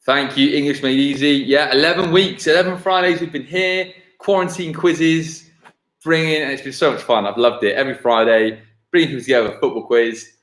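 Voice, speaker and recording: This football quiz host's voice is mid-range and fairly bright, with fairly even intonation. Streaming live from a roomy, echoing home space, he repeats each question slowly and clearly and talks casually with his viewers.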